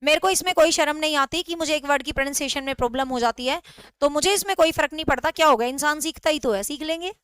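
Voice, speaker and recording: A high-pitched woman teaching an online class, drilling her students by asking and then answering her own questions. She slips English words into her explanations. The sound is dry and close, with no room echo. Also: fast, fairly bright tone. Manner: repetitive quizzing, mixes in English words.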